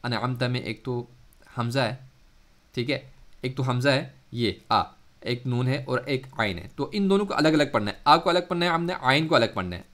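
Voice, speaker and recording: A man with an Urdu accent, a Quran recitation teacher giving a lesson, who explains slowly and then draws out the sounds he demonstrates. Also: mid-range voice, animated, fairly bright tone. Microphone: close mic.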